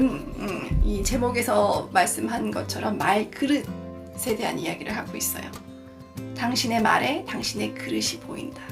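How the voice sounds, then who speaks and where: A woman's voice: on the high side, gravelly. A woman in her forties hosting a book channel, talking candidly and confessionally about a book and her own parenting. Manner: candid, confessional, acts out quoted dialogue. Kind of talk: casual reflective book talk. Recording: soft background music.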